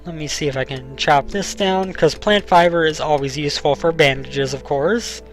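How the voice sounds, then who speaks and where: A young man narrates his game session in a relaxed, explanatory way, his voice sitting a little high. He fills pauses with ums while he has the hiccups. Faint game music runs underneath. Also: rough recording. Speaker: let's play host. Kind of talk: casual gameplay commentary.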